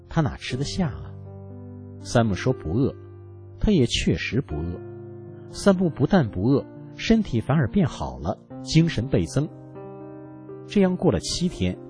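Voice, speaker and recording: A man reading a story aloud for a radio program in an earnest, measured narrating voice. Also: lowish voice. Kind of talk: scripted narration.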